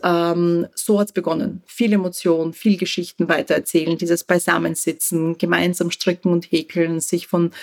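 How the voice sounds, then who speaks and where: Woman, reflective storyteller. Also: lowish voice. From born in Tajikistan, raised in Austria. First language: Russian. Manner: reflective, warm storytelling with light laughs. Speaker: fashion professional guest. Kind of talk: conversational interview answers.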